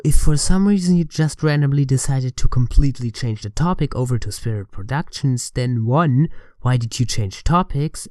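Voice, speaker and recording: A man's voice: medium pitch, mellow, no echo, studio quality. A man hosting a commentary, delivering sardonic, exasperated rebuttals in scripted voice-over.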